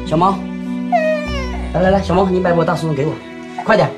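An actor playing a stubborn, quick-tempered old village grandfather who scolds loudly. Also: sits high, fairly even intonation, over music, close to an everyday voice. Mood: bossy. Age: older. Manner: loud, scolding, blustering.

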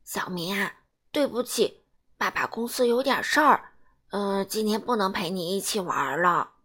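A woman voicing a kind, busy father in a read-aloud children's story, speaking gently and apologetically. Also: mid-range voice, animated, unhurried, pitched below the performer's own voice. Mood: apologetic. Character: kind, busy office-worker dad.

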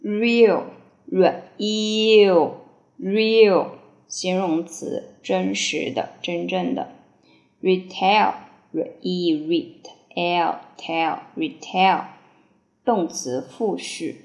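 A woman's voice: lowish voice, extremely slow, darkish tone, echoey room. A woman teacher running a word-by-word vocabulary drill, repeating each word several times, then giving its part of speech and meaning. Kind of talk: word-by-word spelling and dictation drill.

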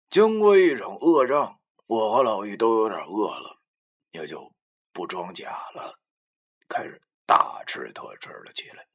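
A man narrating a first-person novel, often sinking into a breathy whisper. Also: fairly low pitch, a bit bright. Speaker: audiobook narrator.

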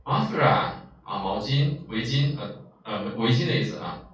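A man's voice: mid-range voice, animated, moderate pace, a little hiss or hum. A man teaching a vocabulary lesson, explaining patiently with many filler sounds. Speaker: Japanese language teacher. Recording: echoey, distant, dull lo-fi room.

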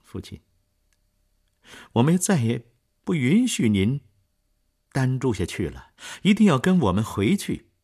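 Man playing tearful young woman, high pleading cries, husky, lively pitch. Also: a little fast. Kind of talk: storybook reading.

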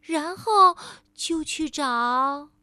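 A woman storyteller reading a picture book aloud to a child, gently addressing the listener as darling. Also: high voice, expressive, very slow, no echo, clean studio sound.

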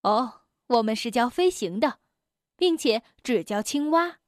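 A woman's voice: fairly high pitch, expressive, dry recording, clean studio sound. A woman doing a polite old stork professor. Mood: courteous. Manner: courteous, measured.

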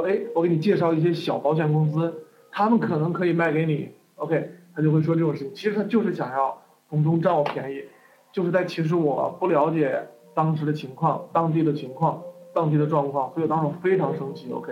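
A man lecturing, telling a personal story in an animated way and often tagging his sentences with "OK". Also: fairly high pitch, quick pace. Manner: animated, peppers speech with "OK". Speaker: lecturer on going abroad. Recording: phone-like narrow band with faint music.

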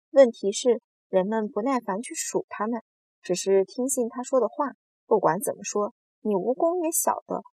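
A woman voicing a grumpy, indignant male earthworm in a storybook reading, complaining in a shrill voice. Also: a little mellow, husky, dry recording.

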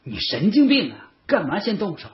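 A man voicing a hot-tempered teenage brawler who shouts crudely, in a storybook reading. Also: high voice, wildly swooping pitch, normal speed, pitched above the performer's own voice. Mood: angry. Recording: dull lo-fi audio.

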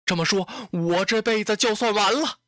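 A storyteller voicing a young beauty who pleads tearfully and then scolds, in slow, drawn-out lines. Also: medium pitch, fairly bright tone, no echo, studio quality, voice pushed up, close to an everyday voice. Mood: reproachful. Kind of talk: traditional storytelling.

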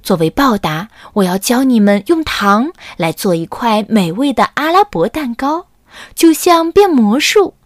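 A woman voicing a wise, kindly camel who talks slowly and calmly in a children's story. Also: on the high side, no echo, studio quality. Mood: grateful.

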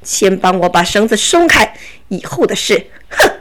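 A woman's voice: mid-range voice, big pitch swings, normal speed, lightly acted. A woman voicing a scornful, gloating bandit man who stammers and mocks his captors, read as a children's story. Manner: mocking, stammering, bursts of laughter.

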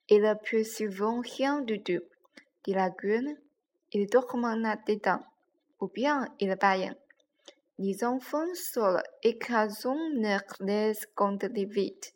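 Slow, careful woman reading a story aloud. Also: mid-range voice. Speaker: reader.

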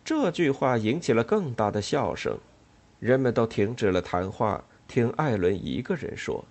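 A man's voice: mid-range voice, moderate pace. A man narrating a novel as an audiobook, telling it expressively. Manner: expressive, animated storytelling.

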